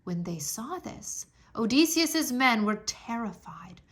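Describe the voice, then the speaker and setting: A woman with a voice on the high side reads a children's history book at a slow pace. She narrates expressively in storybook fashion, articulating clearly and highlighting dramatic words.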